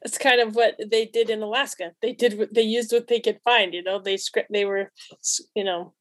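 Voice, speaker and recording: A woman hosting a podcast, speaking casually and appreciatively in a halting way. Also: mid-range voice, fairly even intonation, no echo. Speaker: podcast host. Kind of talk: casual interview talk.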